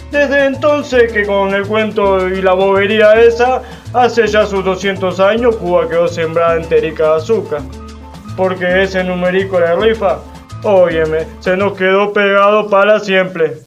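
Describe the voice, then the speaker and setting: In a radio drama monologue, a male actor with a high-pitched voice plays a folksy veteran cane cutter with a Cuban accent. Indignant and wry, he talks in a casual, colloquial, exclamatory way, telling his story vividly over faint background music.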